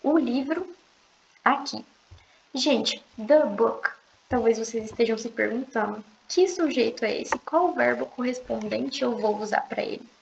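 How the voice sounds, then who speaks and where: A young woman teaching an online language lesson, explaining patiently and repeating slow, drawn-out pronunciation examples. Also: fairly high pitch, creaky, a little hiss or hum. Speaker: English teacher. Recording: echoey room, dull lo-fi sound.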